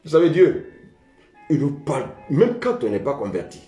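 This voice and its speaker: A man's voice: a little high, huge pitch swings, normal speed, dark tone, soft background music. French-speaking preacher man in an echoey hall. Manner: preaching with call-and-response; repeats "bien aimé" often. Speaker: pastor. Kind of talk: sermon.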